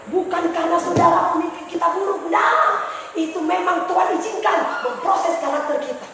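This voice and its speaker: A woman pastor preaching a fervent sermon that swings from shouts to soft, tearful tones. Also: high-pitched. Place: church. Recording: echoey church hall, mic far off, noisy.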